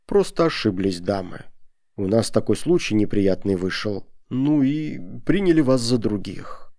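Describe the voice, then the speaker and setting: A man's voice: on the low side, expressive, a little slow, a little mellow, no echo, clean studio sound. A man voicing a middle-aged merchant who grovels with apologies to offended ladies in an audiobook story. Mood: placating. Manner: fawning, fussy, hissing at family.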